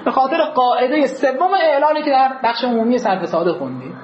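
A man's voice: very high-pitched, animated, a crowd in the background. A man teaching a grammar lesson to a class. He asks the students questions, answers them himself, and draws out the key words. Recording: roomy, dull lo-fi classroom recording.

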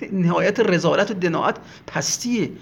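A man's voice: sits high, creaky, slight background noise. A man giving an emphatic religious lecture, retelling scenes and acting out quotes. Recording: dull lo-fi recording.

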